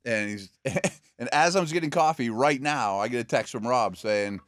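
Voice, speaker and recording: A man co-hosting a casual sports radio show in a studio, relaxed and chatty, telling stories. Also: mid-range voice, normal speed, no echo. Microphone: studio mic.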